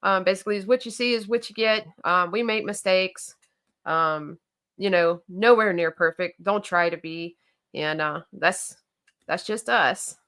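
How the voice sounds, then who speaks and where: A woman's voice: fairly low pitch, measured pace, a bit bright, clean tone. A woman with a Southern accent, co-hosting a casual livestream and chatting about viewer comments with plenty of fillers and restarts. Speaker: co-host of a knife company livestream.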